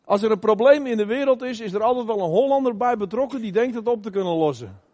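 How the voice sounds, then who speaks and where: A middle-aged man preaching an emphatic sermon in a church, asking the congregation questions and sometimes shouting. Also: high voice, expressive, fast talker. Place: church hall. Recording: long reverb of a church hall.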